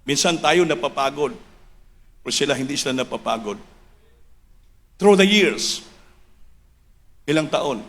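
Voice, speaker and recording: A man preaching a sermon, switching between Tagalog and English and building to emphatic shouts. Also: on the high side, animated, unhurried, pauses often.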